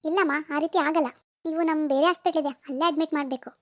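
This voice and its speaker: A calm cartoon doctor explains things patiently and reassures the worried parents, voiced by a woman. The voice is very high and brisk. The recording is dry and close. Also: dry recording, natural voice. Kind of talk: Kannada cartoon voice acting.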